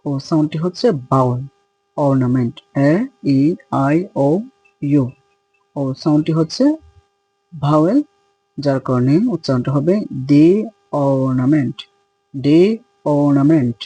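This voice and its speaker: Slow, husky-voiced man teaching English. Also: a little high, fairly even intonation, warm tone, no room sound, soft background music, poor audio. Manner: spells words out letter by letter; repeats each example phrase. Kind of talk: slow spoken lesson.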